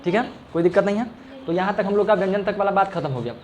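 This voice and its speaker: A man's voice: high voice, very fast, a little mellow, slight background noise. Patient male teacher drilling sounds. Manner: explains patiently, repeats sounds, scolds students playfully. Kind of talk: classroom lesson. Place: classroom with a fan running.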